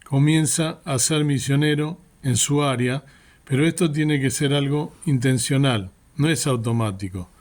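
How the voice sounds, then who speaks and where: A man's voice: mid-range voice, a little slow, a little mellow. A man giving an earnest sermon reflection, often asking rhetorical questions. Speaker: preacher.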